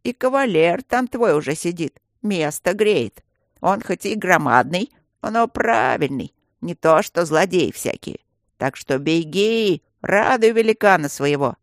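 A reader doing a gruff stone guardian. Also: mid-range voice, lively intonation, measured pace, no room sound, studio quality. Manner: gruff, barking and coaxing by turns. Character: bossy grumbling male stone guardian. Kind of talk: audiobook character voice.

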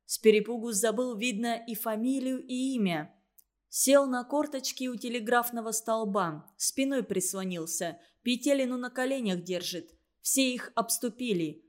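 A woman narrates a children's story for an audiobook. Her reading is expressive and vivid. Her voice sits slightly high. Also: normal speed.

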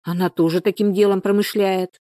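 A woman doing a brisk, caring village friend. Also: medium pitch, little pitch movement, warm tone, no echo, clean studio sound, close to an everyday voice. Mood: concerned, coaxing.

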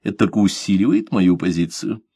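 A man's voice: sits low, a little fast, breathy edge, dry recording, studio quality. A man voicing a composed, courteous pirate captain who speaks with cool irony. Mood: ironic. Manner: calm, courteous, mocking. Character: calm, ironic pirate captain, male adult.

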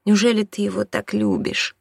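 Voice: mid-range voice, wildly swooping pitch, normal speed, gravelly, no echo, studio quality, voice pushed up, full character voice. A reader voicing a bitter teenage son who speaks to his parents in a sarcastic, accusing way. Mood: desperate. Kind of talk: audiobook character reading.

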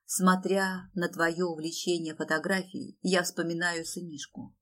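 A woman reading aloud, voicing a kind older man who speaks softly and slowly with sorrow. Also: on the low side, little pitch movement. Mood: gentle sad.

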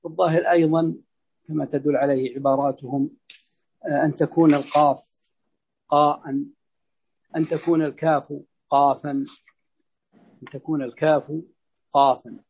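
A man teaching a religious lesson, explaining a legal text in a measured way and saying sample pronunciations aloud. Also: a little high, level tone, creaky, darkish tone, slightly rough, lo-fi sound.

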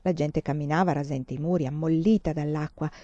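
Brief: a woman audiobook reader, measured and expressive, lowish voice, dry close recording. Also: no echo, dull audio. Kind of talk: literary audiobook narration.

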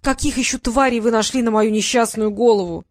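A woman's voice: a little high, fairly even intonation, fairly quick, dry recording, clean studio sound, lightly acted. A woman reading an audiobook voices a tired, grumpy old male wizard who speaks with exasperated sarcasm. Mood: weary. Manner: exasperated, sardonic.

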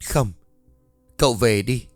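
A man's voice: medium pitch, slow, no echo, soft background music, natural voice. Grieving poor young woman, voiced by a man in a storybook tale, choked and tearful.

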